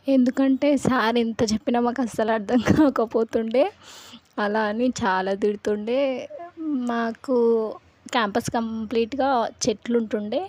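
A woman's voice: on the high side, a little mellow, no room sound, rough recording. A woman vlogger, casually recalling college memories and laughing as she talks. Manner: giggly, laughing while recalling. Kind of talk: casual storytelling to camera.

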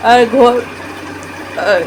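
A woman's voice: slow, noisy background. A woman vlogging casually at home, chatting to her viewers as friends. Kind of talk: casual home vlog chat.

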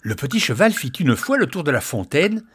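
A man narrating a children's story in an expressive, lively storytelling manner that turns hushed in the calm passages. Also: fairly high pitch, fairly quick, slight background noise.

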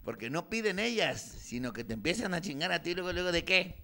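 A man's voice: high-pitched, animated, fairly quick, vocal fry, pushed and bright. A man with a Mexican accent doing a stand-up comedy routine, acting out both sides of a couple's quarrel.

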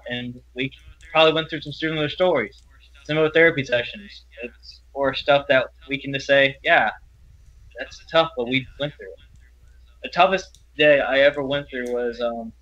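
Earnest young man with a bright voice. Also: medium pitch. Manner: earnest, halting, with many restarts. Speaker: interview guest. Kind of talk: personal interview talk. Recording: dull, lo-fi audio.

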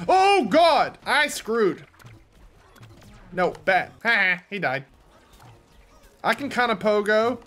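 A man giving casual, jokey commentary on his own gameplay, often breaking into loud yells at opponents. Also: high voice. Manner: excitable, yells at opponents, jokey self-talk. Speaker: gaming video host.

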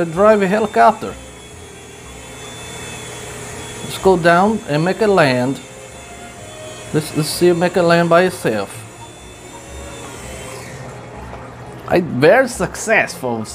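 A man vlogging about flying a toy helicopter indoors at home, talking casually in deliberately broken, halting English. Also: high-pitched, lively intonation, soft background music. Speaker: RC hobby vlogger. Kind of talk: casual vlog commentary.

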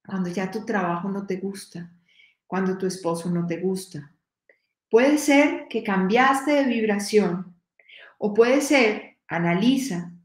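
A woman giving a live-streamed motivational talk, animated and addressing her audience directly, with stories. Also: mid-range voice, roomy sound. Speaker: motivational speaker.

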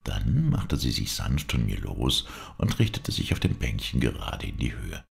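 A man narrating a classic story as an audiobook in a measured, dramatic way. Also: extremely low pitch, huge pitch swings, gravelly. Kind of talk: scripted first-person narration of a classic story.

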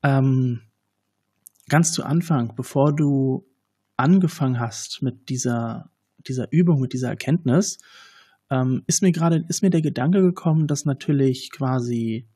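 Husky-voiced enthusiastic male podcast host. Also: medium pitch, measured pace, dark tone. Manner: enthusiastic, thinks aloud with fillers. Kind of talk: podcast interview.

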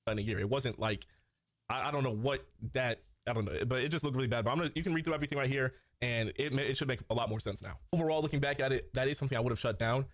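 A man's voice: mid-range voice, rapid-fire, no echo, studio quality. A man in an apology video, talking hesitantly with lots of fillers. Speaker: streamer apologizing in a clip.

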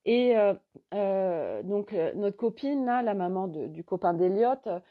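A middle-aged woman talks through her day in a loose, rambling, animated way, like a holistic coach chatting on a live stream. Her voice sits at a medium pitch. The sound is dull and lo-fi. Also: measured pace. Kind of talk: casual live storytelling.

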